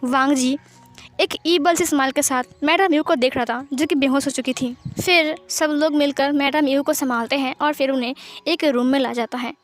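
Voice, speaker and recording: A woman retells a fan fiction story in a casual, steady way, voicing the dialogue herself. Her voice sits high, and faint music plays behind her. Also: moderate pace. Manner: plain, steady narration that also voices the dialogue lines.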